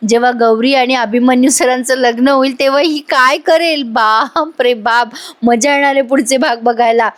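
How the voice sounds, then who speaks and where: A woman's voice: sits high, fairly even intonation, normal speed, hardly any pauses. A woman narrating a voice-over recap of a TV serial episode, chatting with her audience directly. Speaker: TV serial reviewer.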